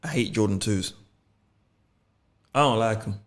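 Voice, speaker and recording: A man's voice: fairly low pitch, a little slow. A man from England, co-hosting a sneaker podcast in playful, boastful banter. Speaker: podcast co-host. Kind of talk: casual chat.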